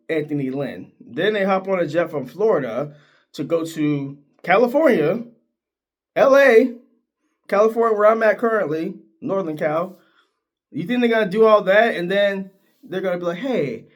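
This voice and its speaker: A middle-aged man from Northeast Ohio giving casual, opinionated sports commentary, his voice leaping up when he gets worked up. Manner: animated, opinionated, pitch jumps high when worked up.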